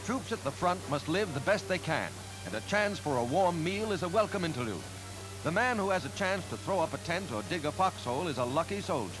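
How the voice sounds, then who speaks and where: A man's voice: a little high, lively intonation, fairly quick, poor audio. A man narrating wartime footage in solemn, emphatic 1940s newsreel style, with old newsreel sound. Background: music.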